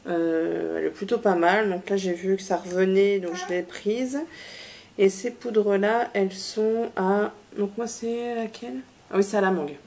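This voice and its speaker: A woman's voice: mid-range voice, fairly even intonation, moderate pace, gravelly, darkish tone. A woman presenting a shopping haul in a casual, hesitant way, with many fillers and restarts.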